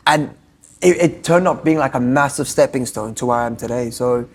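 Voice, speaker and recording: A man's voice: mid-range voice, fairly quick. A young man with a South African accent, a podcast guest telling his story in a loose, casual way full of fillers.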